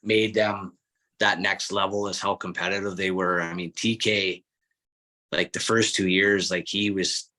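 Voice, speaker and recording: A man, a former hockey player and coach, chatting casually on a podcast and telling stories with relaxed restarts. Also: deep voice, a little slow. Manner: relaxed storytelling with frequent restarts.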